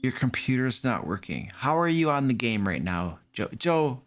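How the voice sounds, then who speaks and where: Teasing game master man, lively voice. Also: mid-range voice, normal speed. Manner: teasing, laughs often. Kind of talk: casual tabletop game chat.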